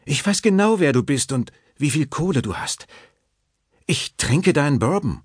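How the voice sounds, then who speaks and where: A man's voice: a little high, big pitch swings, slow pace, slightly rough, no echo, voice pushed up, heavily acted. A man reading an audiobook puts on a pushy young woman who coos and teases in a raised, bouncy voice. The sound is dry and close, with no room around it. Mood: cooing. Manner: cooing, teasing.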